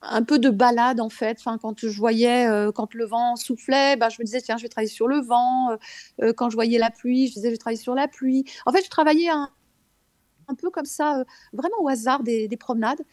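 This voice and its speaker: Woman w parisian french accent, highish voice, chatting in an interview, kinda searching for words, close dry sound. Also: steady tone, a little fast, darkish tone, dry recording. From Paris, France. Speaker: guest, author and radio columnist. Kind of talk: conversational interview, personal account.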